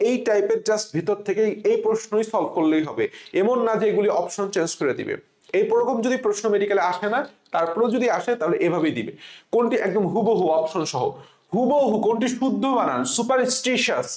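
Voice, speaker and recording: Echoey tutor with a Bangladeshi Bengali accent. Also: mid-range voice. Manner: spells words out letter by letter, drawn out and repeated; asks the class questions and answers them. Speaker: admission exam tutor. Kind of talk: online revision lecture. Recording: echoey room.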